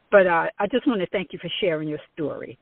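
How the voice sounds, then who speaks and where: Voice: medium pitch, normal speed, gravelly. A caller speaking emotionally and gushingly, close to tears. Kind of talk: phone call-in. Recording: distant dry phone line.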